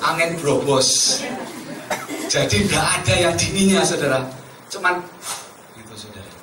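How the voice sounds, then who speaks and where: A man's voice: fairly high pitch, animated, unhurried, sharp tone. A man preaching a sermon, telling a testimony story and calling his listeners "saudara" again and again. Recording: echoey room from far off, faint noise.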